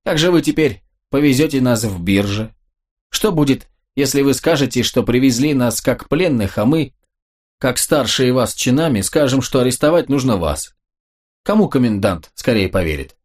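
A man's voice: medium pitch, lively intonation, normal speed, a little mellow, natural voice. A man voicing a proud nobleman officer in an audiobook, reasoning urgently and reproachfully. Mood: persuasive.

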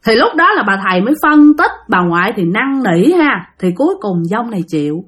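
Southern Vietnamese woman, slightly high voice, chatty storyteller who keeps talking straight to her audience. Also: sing-song, fairly quick, a bit bright. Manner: chatty, repetitive, addresses listeners directly. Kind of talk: spoken ghost story telling.

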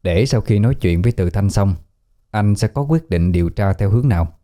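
A man narrating a ghost story in a calm, even audiobook reading. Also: fairly low pitch. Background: faint background music.

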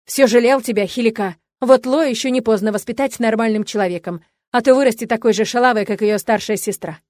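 A woman voicing a cruel, contemptuous middle-aged father who shouts and sneers insults. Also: a little high, quick pace, no room sound, close to an everyday voice. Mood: raging.

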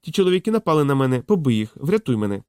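A man voicing a frightened, fickle young woman with a hoarse, croaking voice, in an audiobook. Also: mid-range voice, big pitch swings, very fast, darkish tone, no echo, clean studio sound, close to an everyday voice. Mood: pleading, shrill.

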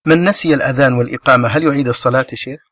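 Rapid, bright-voiced male presenter. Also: medium pitch, no echo, studio quality. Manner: deferential, courteous questioning. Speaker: program presenter asking questions. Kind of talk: religious question-and-answer.

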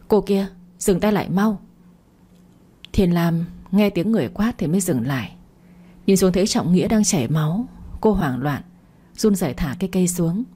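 A woman's voice: on the low side, mellow, husky. A woman reading a story aloud, narrating and briefly voicing each character herself. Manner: reads every character herself with light voice changes.

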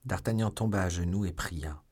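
A man reading a classic novel aloud as an audiobook, in a measured, dramatic manner. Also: sits low, darkish tone, husky. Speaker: audiobook reader. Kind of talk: scripted audiobook narration.

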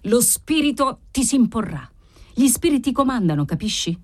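A woman's voice: on the high side, big pitch swings, moderate pace, voice pushed up. A woman reading the part of a proud, obsessive older nobleman who questions and commands. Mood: fierce. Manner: demanding, interrogating. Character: proud older male aristocrat, obsessive and harsh.

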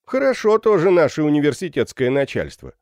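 A man voicing a brash, mischievous young male student who jeers and shouts, pitched well above his own voice and louder. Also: wildly swooping pitch, brisk, no room sound, studio quality. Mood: mocking. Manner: jeering, rowdy.

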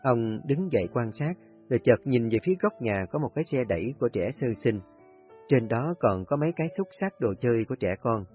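A man calmly narrating a family story in a steady storytelling voice. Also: mid-range voice, fairly quick. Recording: husky voice, dull lo-fi audio, faint music.

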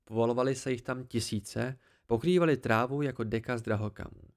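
A man reading an amateur audiobook in a calm, even storytelling manner. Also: mid-range voice. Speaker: audiobook narrator.

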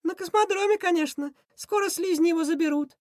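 A woman voicing a nervous, excitable male rat schemer who shrieks, in an audiobook. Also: extremely high pitch, brisk, no echo, studio quality, pitched above the performer's own voice. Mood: scheming. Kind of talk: audiobook character voice.

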